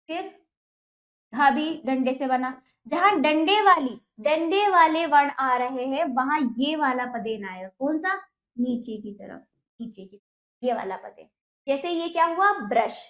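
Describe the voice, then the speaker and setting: A woman's voice: sits high, echoey room, muffled recording. A woman teaching a Hindi lesson to children, patiently asking questions and answering them herself.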